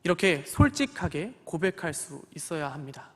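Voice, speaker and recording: A man's voice: on the high side, very animated, moderate pace, a bit bright. A man preaching a sermon as a pastor, telling a story earnestly with wry asides. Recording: long hall reverb.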